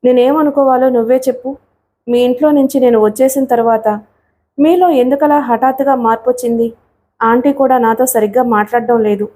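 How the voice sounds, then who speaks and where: Woman reading lovesick young guy, pleading, reproachful, kinda high mellow voice. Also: fairly even intonation, brisk, lightly acted.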